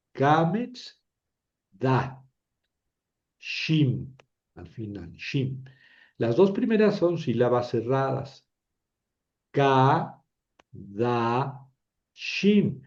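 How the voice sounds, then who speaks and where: A man's voice: medium pitch, mellow, lo-fi sound. A man teaching Biblical Hebrew, patiently sounding out syllables and often checking with "¿verdad?". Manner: patient, repeats syllables aloud, asks "¿verdad?". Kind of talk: slow classroom explanation.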